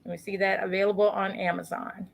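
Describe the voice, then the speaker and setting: A woman with a gravelly, medium-pitched voice speaks at a quick pace while hosting a community religious program. Her manner is informal, encouraging, and courteous, with steady background noise throughout.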